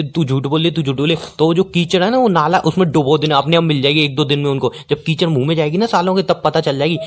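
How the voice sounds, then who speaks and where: A man playing a boyfriend in a comedy skit, scolding and ranting sarcastically over a pretend phone call. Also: on the high side.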